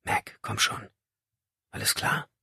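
A man's voice: low-pitched, fairly quick, fairly bright tone, husky, dry recording, clean studio sound, full character voice. A man voicing a bearded young former college student who whispers and pushes back irritably. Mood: hushed tense.

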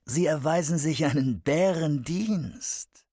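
A man doing a high, booming, gleeful old con man. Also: slow, mellow, no room sound, clean studio sound. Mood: smug. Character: sly old male con man, grinning and boisterous. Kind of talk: audiobook character voice.

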